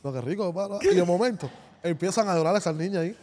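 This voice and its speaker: A man with a high voice talks fast over very noisy audio. He's a musician appearing as a guest on a casual podcast, telling a story in an animated way and acting out the voices of the people in it.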